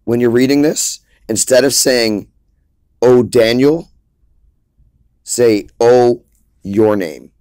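A man's voice: mid-range voice, slow pace, pauses often, darkish tone, clear, resonant tone, no echo. A man preaching informally in an emphatic, lecturing way, often repeating his points.

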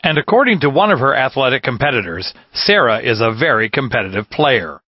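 A man's voice: medium pitch, sing-song, brisk, breathy edge, dry recording, lo-fi sound. A man reading a scripted narration in an announcing manner.

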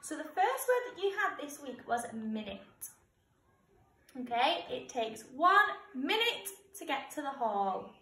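A woman in her twenties, a primary school teacher, giving a slow school dictation for a spelling test with deliberate, careful enunciation. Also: high-pitched, very animated, pushed and bright. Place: indoor classroom in front of a whiteboard. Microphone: camera or phone a few metres away. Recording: roomy, distant mic, background noise.

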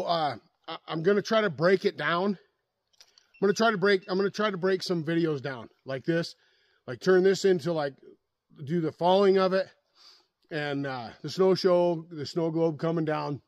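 A middle-aged man with a fairly high voice talks at a moderate pace while vlogging in a snowy forest, chatting casually about his chainsaw and checking in with the viewer often. He's folksy, repeats himself, and keeps asking "right?" in this relaxed outdoor show-and-tell. It was captured on a helmet-mounted action camera, and the audio is dry and dull.

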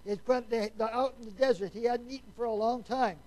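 A man with a notably high voice preaching a Sunday sermon in a plain, folksy manner. He keeps putting questions to the congregation and sinks to a hushed voice when he reaches solemn points. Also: steady tone, brisk, low-quality recording.

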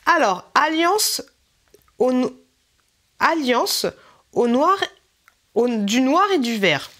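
Woman vlogger, high and animated, chatty and giggly; light background noise. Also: slow. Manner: chatty and giggly, exclaims often. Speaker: YouTuber opening a swap package. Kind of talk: casual unboxing chat.

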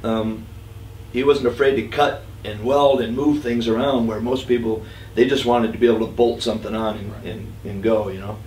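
A man's voice: on the low side, fairly even intonation, moderate pace, a little mellow, slight background noise. A man being interviewed, telling loose, casual stories about truck builders, now and then with a curse. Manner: loose, profane storytelling. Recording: distant mic, roomy echo.

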